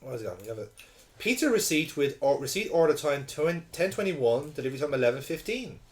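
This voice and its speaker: A man's voice: a little high, very animated, fast. A man hosting a playthrough with casual gaming commentary. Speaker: host playing a game.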